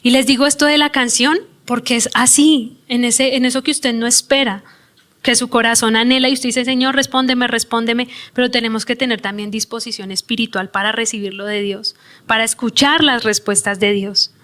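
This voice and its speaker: Woman pastor, slightly high voice, earnest testimony sermon in a church, reads scripture slowly. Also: fairly even intonation, fairly bright tone. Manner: earnest, emotional storytelling, voices her own prayers.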